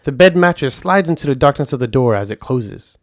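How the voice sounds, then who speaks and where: A man narrating a first-person audio story in a calm, soft-spoken way. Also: mid-range voice, fairly quick, dry recording, clean studio sound.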